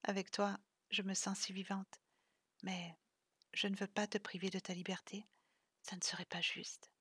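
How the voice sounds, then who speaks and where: A woman reading the lines of an emotional young pastry chef, hushed and close to a whisper. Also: mid-range voice, level tone, moderate pace, breathy edge, no room sound.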